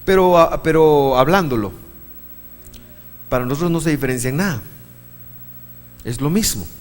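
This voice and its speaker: A man's voice: fairly high pitch, animated, moderate pace, long reverb tail. A man teaching a church Bible class, explaining step by step and quizzing his listeners. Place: church meeting room.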